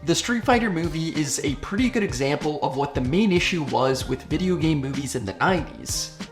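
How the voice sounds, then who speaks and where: Over background music, a host narrates a scripted video essay in a casual, conversational way. The voice is mid-range, animated and a little fast.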